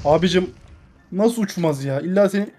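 A woman gaming YouTuber chatting casually during gameplay, often shouting in exasperation. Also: fairly low pitch, normal speed, over music.

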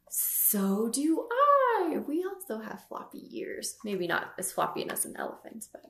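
Slow, higher-pitched young woman reading to toddlers. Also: vocal fry. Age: young adult. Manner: reading to a toddler, with simple questions and exaggerated emphasis. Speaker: toddler storytime host. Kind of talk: reading picture books aloud to toddlers. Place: small room at home, indoors. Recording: roomy home webcam sound.

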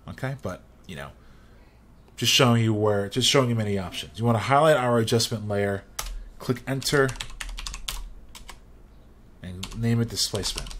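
A young man hosting a screen-recorded software tutorial, talking casually and rambling, often restarting his phrases. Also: lowish voice.

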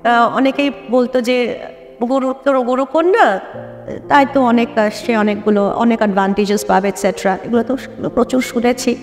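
A middle-aged woman with a Bengali accent, reminiscing in a relaxed talk-show conversation with many hesitations and restarts. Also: on the high side, normal speed, in a large hall, faint music behind. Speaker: guest dancer.

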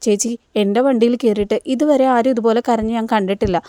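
A woman voicing a kind young male auto driver who asks gentle, concerned questions. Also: fairly high pitch, fairly even intonation, quick pace, no room sound, natural voice.

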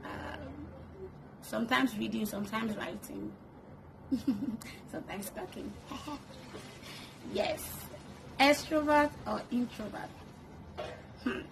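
A twenty-something woman laughs her way through a playful get-to-know-me video, recorded indoors in her bedroom on a camera set up on a tripod in front of her. Her voice leans high and gravelly, and she speaks slowly with frequent pauses over background noise.

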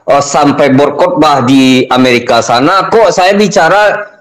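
A man in a religious debate, calmly questioning and often seeking agreement. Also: a little high, unhurried, rough recording. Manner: questioning, keeps saying "ya kan". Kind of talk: heated debate.

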